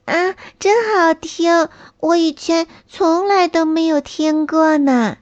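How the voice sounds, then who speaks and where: A tiny snail child with a high, sweet voice, speaking slowly and wonderingly, as a woman puts it on. The bedtime-story character sounds timid and easily tearful. The recording is a little dull and lo-fi. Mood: delighted.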